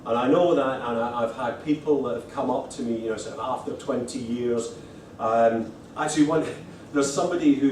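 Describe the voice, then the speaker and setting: Recorded from a distance in an echoey conference room, with slight background noise, a middle-aged man with a Scottish accent delivers a casual talk to fellow lecturers. His medium-pitched voice is a little mellow, and he hesitates, restarting often and using lots of fillers.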